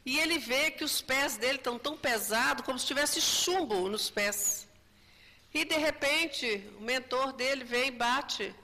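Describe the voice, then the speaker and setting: A woman's voice: sits high, unhurried, bright, forceful tone. A woman giving a spiritist lecture, telling a story and often adding tag questions. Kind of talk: religious lecture. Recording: reverberant lecture hall.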